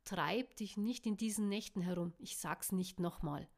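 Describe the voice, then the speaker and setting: A woman's voice: medium pitch, moderate pace, close to an everyday voice. A woman voicing a young werewolf man who growls out commands. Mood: stern.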